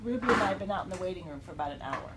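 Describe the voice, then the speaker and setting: A woman's voice: on the low side, expressive, very fast, noisy background. A woman chatting casually in an amused, reassuring way, explaining things simply to a patient. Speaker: companion of a patient. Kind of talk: casual chat. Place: small curtained recovery room indoors. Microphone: handheld phone.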